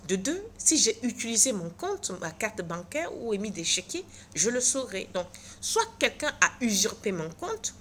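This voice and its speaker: A woman's voice: mid-range voice, very animated, normal speed, pushed and bright. Tired middle-aged woman vlogger, dramatic storyteller who acts out the dialogue, faint noise behind. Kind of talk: animated storytelling vlog. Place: at her workplace.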